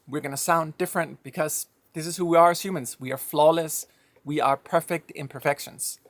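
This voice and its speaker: With no room sound around him, a man from Denmark talks in a fairly high-pitched voice carrying a slight Danish accent. It's a personal monologue, thoughtful and conversational, and he holds firm views.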